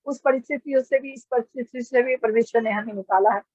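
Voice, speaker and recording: A woman's voice: fairly high pitch, quick pace, darkish tone, slightly rough, no room sound. A middle-aged woman from giving an earnest personal testimony in a storytelling way, often restarting her sentences. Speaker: testimony speaker. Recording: dull lo-fi recording.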